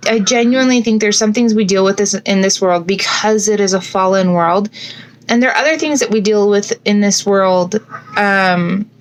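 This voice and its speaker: A woman with a medium-pitched voice talks through scripture in a casual, chatty way, as if thinking out loud. Her words come out a little thick, as with a swollen lip, and she often stops to rephrase her point. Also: poor audio. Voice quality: slightly slurred, fat-lipped speech from a swollen mouth. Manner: informal, thinking aloud with frequent self-corrections. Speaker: scripture podcast host. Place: bedroom at home.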